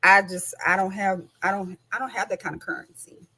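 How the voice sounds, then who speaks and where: A chatty woman hosts a casual live-streamed interview, her talk full of restarts and easy laughter. She speaks at an ordinary mid pitch over a video call connection. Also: steady tone, a little fast, pushed and bright, husky, low-quality recording. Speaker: host.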